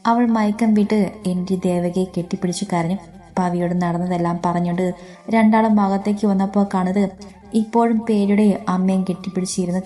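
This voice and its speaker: A woman reading a story aloud as narrator in a steady, even way. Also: medium pitch.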